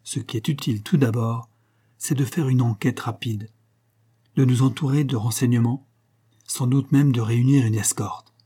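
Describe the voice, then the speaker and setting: A man's voice: mid-range voice, fairly even intonation, moderate pace, mellow, husky, natural voice. A man voicing a level-headed young Frenchman who reasons persuasively with his friend.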